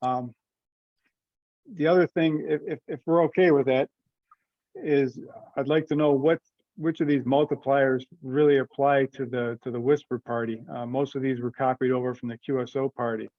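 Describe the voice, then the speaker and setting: Presenting a proposal informally to a committee over a remote call, a man talks at a moderate pace with a medium-pitched, fairly even voice. There's no echo, though the audio is muffled, and he thinks aloud tentatively while seeking agreement.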